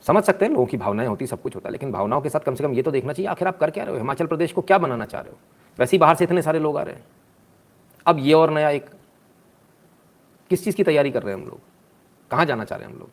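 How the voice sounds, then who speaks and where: A man's voice: fairly high pitch, expressive, fast talker, pauses often. Sarcastic man on a live stream. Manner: mocking, scolding, reading viewer comments aloud. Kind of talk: sarcastic live news commentary.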